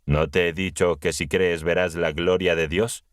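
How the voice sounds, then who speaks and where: A man reading the words of Jesus in a Bible audiobook, grave and measured. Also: low-pitched, steady tone, no echo, clean studio sound. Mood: solemn. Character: Jesus, a calm, authoritative grown man teacher.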